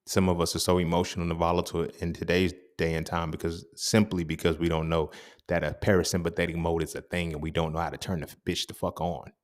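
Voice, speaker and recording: A man's voice: low-pitched, flat delivery, fast. A young man hosting a casual motivational monologue, emphatic and profane, who keeps checking in with his listener. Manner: profane, emphatic, keeps asking "you feel me?". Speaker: podcast host.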